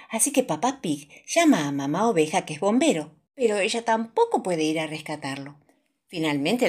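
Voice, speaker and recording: A woman with a Rioplatense accent reading children's stories aloud in an expressive, sing-song way. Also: lowish voice. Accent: Rioplatense Spanish. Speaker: storyteller.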